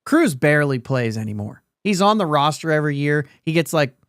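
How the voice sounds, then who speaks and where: A man's voice: a little high, very animated, a little fast, a bit bright, smooth, no echo, studio quality. A man hosting a sports podcast in casual chat, rambling along and laughing often mid-sentence. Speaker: podcast host.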